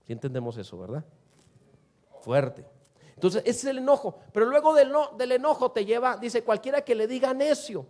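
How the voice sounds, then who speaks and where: High-voiced preacher, man. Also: sing-song, normal speed. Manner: rhetorical questions to the congregation, wide swings in loudness. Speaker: pastor. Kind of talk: sermon.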